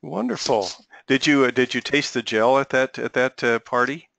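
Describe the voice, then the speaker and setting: Gravelly-voiced male host, halting. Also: medium pitch, a bit bright, no room sound. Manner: hesitant, many filler sounds, courteous. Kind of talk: hosting an interview.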